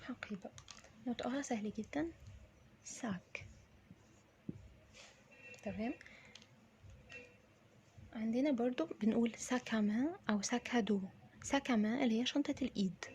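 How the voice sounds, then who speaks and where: A woman with an Egyptian Arabic accent teaching French pronunciation, saying words slowly, repeating them and often dropping to a whisper. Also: fairly high pitch, a little mellow, a little hiss or hum. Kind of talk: pronunciation lesson.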